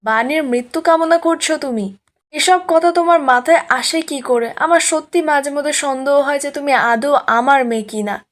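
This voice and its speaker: A woman's voice: high-pitched, normal speed, close to an everyday voice. A woman voicing an angry mother scolding her grown daughter, in a spoken serial recap.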